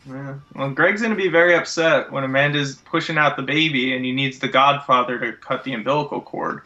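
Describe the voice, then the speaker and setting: Male co-host, mid-pitched and bright, casual chat, muffled internet-call sound. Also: brisk. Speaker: podcast co-host. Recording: dull, lo-fi internet call audio.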